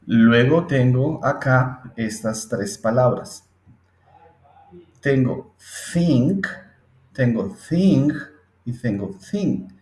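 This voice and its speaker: A man's voice: mid-range voice, a little mellow. A man teaching a step-by-step lesson, patiently explaining and often checking in with his listeners. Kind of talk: screen-recorded English phonetics lesson. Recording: roomy echo.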